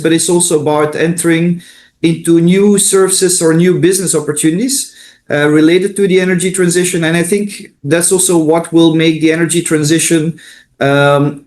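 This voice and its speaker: A middle-aged man who grew up in Belgium, answering interview questions on a video call. His voice sits fairly high for a man, and he hesitates often, repeating words and filling pauses with "uh" and "um" as he thinks aloud. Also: a little mellow. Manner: hesitant, many fillers and restarts. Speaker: interview guest, consultant.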